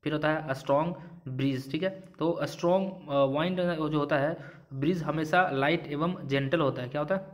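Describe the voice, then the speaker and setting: Higher-voiced man teaching grammar. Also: normal speed. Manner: explains rules step by step, often asking and answering his own questions; mixes English words and example sentences into his talk. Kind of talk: exam-prep grammar lesson.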